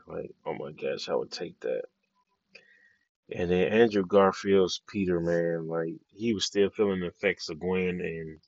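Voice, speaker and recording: Excitable low-voiced man in a muffled recording. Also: vocal fry. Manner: excitable, slangy and swearing a lot. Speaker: movie reviewer. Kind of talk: casual movie reaction chat.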